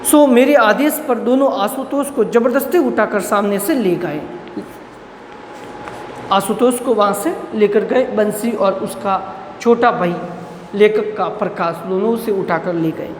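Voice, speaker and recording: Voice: mid-range voice, unhurried, reverberant, long reverb tail, slight background noise. A college teacher who reads out a Hindi story line by line and then restates each line in plain words. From Rajasthan, India.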